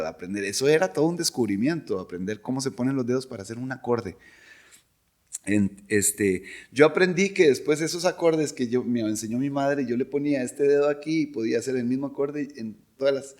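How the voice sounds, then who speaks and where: A middle-aged man with a Costa Rican accent, a podcast guest telling stories in a relaxed, rambling way with frequent chuckles. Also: medium pitch. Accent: Costa Rican Spanish. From Costa Rica. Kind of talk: casual conversational storytelling.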